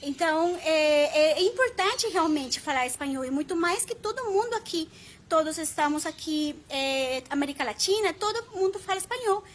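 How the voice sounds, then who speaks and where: A Colombian-born woman in her thirties, a Spanish teacher, talks casually to camera in a very high voice. She tells chatty stories and acts out quoted lines. A faint hiss sits under the recording. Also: animated, normal speed. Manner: chatty storytelling with quoted dialogue. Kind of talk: casual vlog talk to camera.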